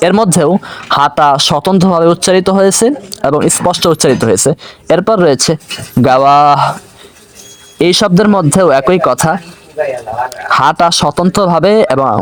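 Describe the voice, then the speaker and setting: A man teaching an online grammar lesson, patiently explaining step by step and slowly repeating example words. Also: on the high side.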